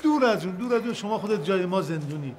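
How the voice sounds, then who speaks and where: An actor playing a flustered man in a cell, fawning and overly polite at first, then shouting for help in panic. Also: high voice, animated.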